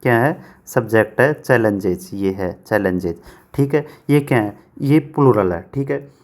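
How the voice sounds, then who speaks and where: A man teaching English grammar for exam prep in Hindi, who asks questions and answers them himself and reads example sentences out slowly, word by word. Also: lowish voice, darkish tone. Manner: asks and answers his own questions, repeats answers.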